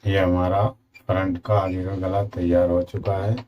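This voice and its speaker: Low, slow-talking man teaching sewing. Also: flat delivery, highs cut off, a little hiss or hum. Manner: slow, repetitive instructions addressing viewers as friends. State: slightly sore throat. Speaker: tailoring instructor. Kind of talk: step-by-step sewing tutorial.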